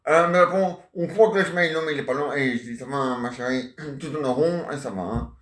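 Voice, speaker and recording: A man's voice: mid-range voice, brisk, a bit bright, echoey room, natural voice. A man doing a rambling, grumbling husband. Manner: rambling, repeats himself, frequent throat clearing. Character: chatty middle-aged husband grumbling about his wife. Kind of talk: homemade comic character sketch.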